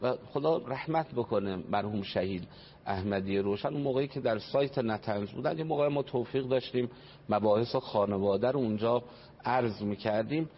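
Man, earnest radio speaker on family and faith, explanatory, dull broadcast sound with faint hiss. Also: mid-range voice. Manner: earnest, explanatory, quotes traditions. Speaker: family counselor. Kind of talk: religious family talk on radio.

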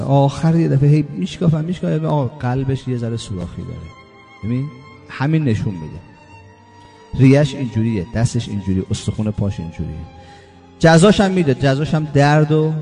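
A man delivering a religious sermon, asking rhetorical questions and swinging between loud emphatic points and low, hushed asides. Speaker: preacher.

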